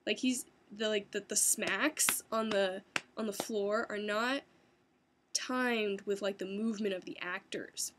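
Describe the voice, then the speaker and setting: A young woman from the United States casually recapping her experiences in a chatty, animated way, laughing often and using many fillers. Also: mid-range voice, a little slow, background noise. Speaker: vlogger. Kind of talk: casual first-person recap.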